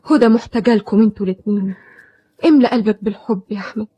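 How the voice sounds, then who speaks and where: An actress playing a kind young teacher who pleads gently, with an Egyptian Arabic accent, in an old film drama. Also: female voice, medium pitch, very fast, slightly rough, lightly acted. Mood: pleading. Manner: pleading, soothing.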